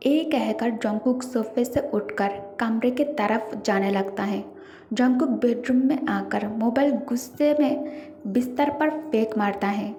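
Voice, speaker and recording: A woman narrating a fan-fiction story in a steady storytelling manner. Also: a little high, measured pace, faint music behind. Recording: echoey reverberant room.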